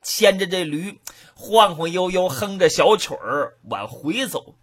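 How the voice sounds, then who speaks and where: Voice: medium pitch, lively intonation, unhurried, a bit bright, husky. A performer telling a traditional comic folk tale, switching between narration and character voices.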